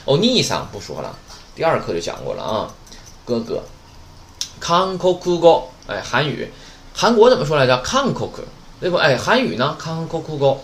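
A man's voice: fairly high pitch, wildly swooping pitch, normal speed, a bit bright. A man teaching a Japanese vocabulary lesson, chatty and joking, often asking rhetorical questions. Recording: roomy echo, faint background noise.

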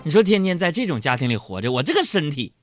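High, lively, bright-voiced joking male host. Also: fast, loud music behind the voice. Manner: joking, self-mocking, acts out quoted voices. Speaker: radio show host. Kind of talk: comic storytelling monologue.

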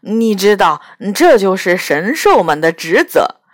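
A gruff, proud palace beast with a dragon's body and bull horns, as a woman reading a storybook puts him on. He talks bluntly and with scorn, pitched well below her own voice. The pace is slow and the sound is dry and close. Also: very animated, no echo. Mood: scornful. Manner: blunt, scoffing.

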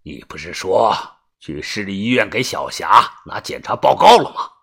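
A man voicing a stern grandfather in his seventies, gruff and scolding in an audiobook story. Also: deep voice, very animated, measured pace, sharp tone, pitched below the performer's own voice, exaggerated voice. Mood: furious.

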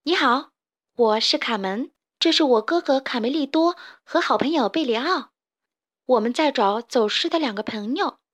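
Storybook heroine: a woman playing a bright girl chick, high and level-headed. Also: lively intonation, normal speed. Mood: calm. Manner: thoughtful, commanding. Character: clever young girl chick, calm leader.

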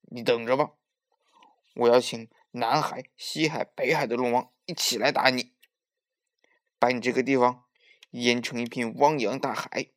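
A man voicing an angry old male sea dragon king in a children's story, shouting threats in a raised voice. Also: mid-range voice, fairly even intonation, measured pace, pauses often, natural voice. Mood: menacing.

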